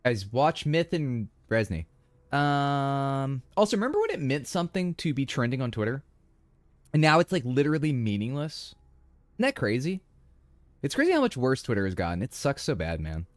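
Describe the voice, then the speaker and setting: A young man streams a game and chats playfully with his viewers, speaking straight to chat in a casual commentary style. His mid-range voice is recorded without echo.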